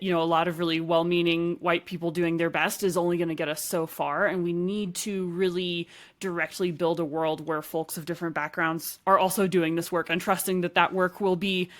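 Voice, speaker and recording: A woman from Arkansas with an Arkansas accent, talking conversationally as a podcast interview guest. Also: fairly low pitch. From Arkansas, United States. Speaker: podcast guest, author and running journalist.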